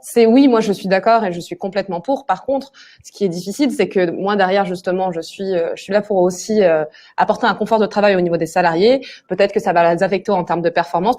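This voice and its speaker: A woman with a soft-edged, mellow voice moderates an online discussion. She asks questions conversationally and addresses people informally, at a middling pitch. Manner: informal, uses first names. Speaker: webinar moderator. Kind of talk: conversational interviewing.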